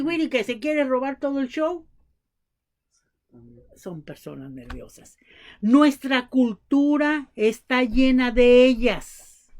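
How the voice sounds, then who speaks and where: A woman preaching a sermon to a congregation, telling family stories and acting out the dialogue. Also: high-pitched. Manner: addresses the congregation as brothers, acts out family dialogue.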